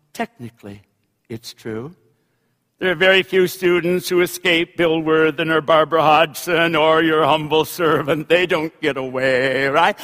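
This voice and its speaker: A man, a professor, giving a lecture in a hall with theatrical, expressive readings and teasing asides to the audience. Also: a little high.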